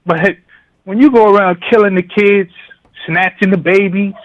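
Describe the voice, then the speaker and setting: A man's voice: high-pitched, fairly even intonation, normal speed, narrow, tinny audio. A man calling in to a radio show, talking in a slangy, conversational monologue full of tag questions. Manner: slangy, conversational, repeats "you know what I'm saying". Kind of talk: casual call-in monologue.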